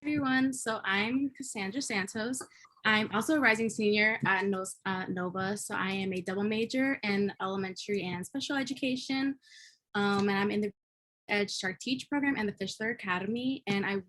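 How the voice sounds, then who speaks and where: A woman's voice: medium pitch, normal speed, a bit bright. Young female student, friendly and eager, mid-range voice. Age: early 20s. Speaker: education student panelist.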